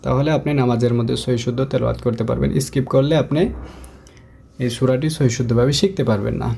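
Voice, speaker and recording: A man teaching Quran recitation, slowly spelling out and chanting Arabic syllables between quicker spoken explanations. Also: medium pitch, steady tone, creaky, mellow, a little hiss or hum.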